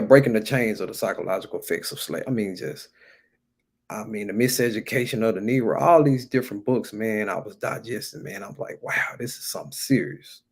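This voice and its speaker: A creaky, mid-range male voice with a breathy edge belongs to an American preacher giving a casual, exhorting sermon. He leans on key phrases, stressing them and saying them again and again.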